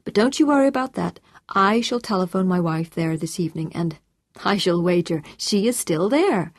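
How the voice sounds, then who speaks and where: In an audiobook, a woman voices a composed, courteous man, speaking calmly, measuredly and reassuringly. Her voice is on the low side, with no room sound.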